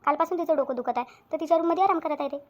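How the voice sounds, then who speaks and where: Young daughter-in-law in a cartoon voiced by a woman, tired and placating, talks really fast. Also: high voice, natural voice. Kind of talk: cartoon voice acting. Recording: dull lo-fi audio.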